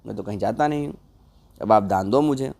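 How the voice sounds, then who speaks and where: A man's voice: on the low side, a little fast, vocal fry, darkish tone. A man voicing a god disguised as a priest who coaxes a miser for donations in a sly, wheedling tone. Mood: coaxing. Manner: coaxing, sly.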